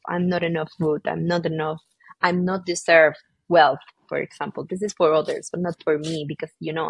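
Husky, gravelly woman explaining earnestly. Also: fairly low pitch, dry recording. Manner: earnest, explanatory, non-native phrasing. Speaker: guest. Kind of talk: conversational interview.

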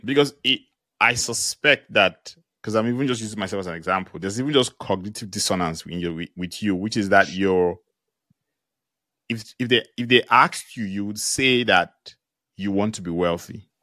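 A man's voice: lowish voice, normal speed, pushed and bright, dry recording, clean studio sound. A man hosting a conversational interview, thinking aloud reflectively with frequent restarts. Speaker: podcast host.

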